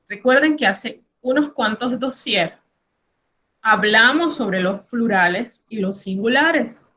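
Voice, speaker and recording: A middle-aged woman with a Panamanian Spanish accent teaches French online, her fairly high voice sharp as she carefully explains word lists.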